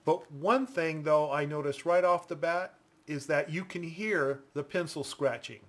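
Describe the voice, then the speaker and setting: A man giving a casual product review in a deliberate, explanatory manner. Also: fairly high pitch, a bit bright.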